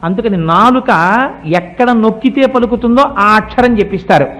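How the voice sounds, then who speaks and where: A middle-aged man giving a devotional discourse, explaining at length and chanting mantras slowly. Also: sits high, a bit bright. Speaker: religious speaker.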